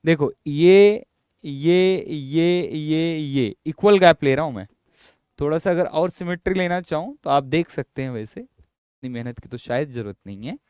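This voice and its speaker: Slow, coaxing man teaching physics. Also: a little high, darkish tone, clear, resonant tone, no echo, dull audio. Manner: drawn-out, repetitive explaining, coaxing students with "yaar" and "bhai". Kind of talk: classroom lecture.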